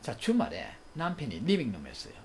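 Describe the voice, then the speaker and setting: A man's voice: medium pitch, huge pitch swings, fairly quick, darkish tone, slight background noise. A middle-aged man giving a recorded lecture on parenting skills, acting out quoted family exchanges.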